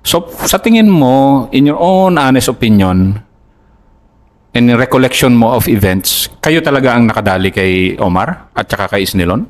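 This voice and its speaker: A man's voice: medium pitch, lively intonation, normal speed. A man, a senior officer interviewing a subordinate, asking probing questions and murmuring short acknowledgments.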